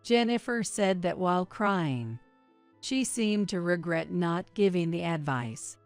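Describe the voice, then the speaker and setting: Low-voiced woman narrating a story. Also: animated, a little slow, smooth, soft background music. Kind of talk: scripted narration.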